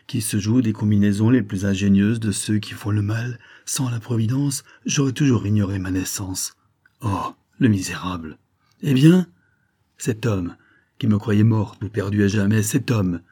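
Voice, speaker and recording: A man's voice: fairly low pitch, warm tone, slightly rough. A man voicing an impassioned young noblewoman bent on revenge in an audiobook, speaking in a raised, declamatory way. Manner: intense, declamatory, pleading.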